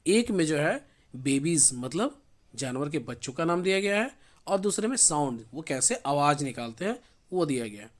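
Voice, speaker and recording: A man teaching an English revision lesson in Hindi, who asks questions and answers them himself and slows down to spell words letter by letter. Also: fairly high pitch, big pitch swings.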